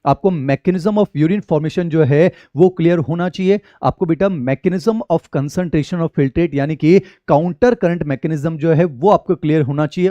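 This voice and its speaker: A man's voice: on the high side, mellow, no echo, dull audio. A man teaching biology in an exam-prep lecture with an Indian accent, often calling his students children and mixing Hindi with English terms.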